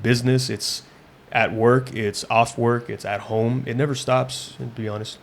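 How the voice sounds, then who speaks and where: This is a man in a relaxed interview who talks in a blunt, intense way, the way a wrestling coach does. His pitch is ordinary for a man. He often stumbles and restarts mid-sentence before pressing on with his point. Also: normal speed, vocal fry. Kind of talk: casual interview chat.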